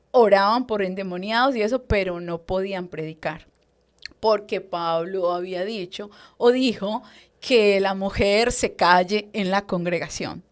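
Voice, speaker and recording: A woman giving a personal testimony in an interview. She tells her story with lively storytelling and acts out the voices of others. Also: medium pitch. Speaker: deliverance minister giving testimony.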